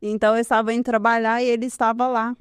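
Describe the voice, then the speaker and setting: Mulher de trinta e poucos anos, voz aguda e seca, contando seu testemunho. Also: female voice, on the high side, level tone, fast, clean tone, no room sound. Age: 30s. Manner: earnest, tells her story with frequent "né?" and soft laughs. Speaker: guest giving a testimony. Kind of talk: personal testimony in an interview.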